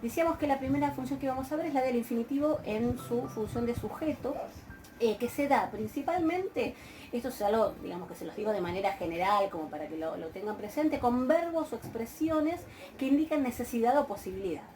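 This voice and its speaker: A woman's voice: fairly high pitch, a little fast, darkish tone, slight background noise, poor audio. A woman with an Argentine Spanish accent giving a university grammar lecture, explaining patiently with frequent hesitations and check-in questions. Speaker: university Greek teacher. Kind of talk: recorded online lecture.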